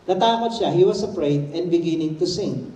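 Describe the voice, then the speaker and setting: A man preaching a sermon as pastor, telling a story with lively animation and shouting at the high points. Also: normal speed. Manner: animated storytelling preacher, mixing Tagalog and English, rising to shouts. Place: church hall. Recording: echoey church room, mic at a distance.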